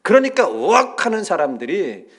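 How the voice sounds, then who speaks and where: Speaking at normal speed in a high voice with a breathy edge, a pastor preaches a sermon in a church sanctuary. His storytelling is animated, and he acts out the voices of the people in his stories.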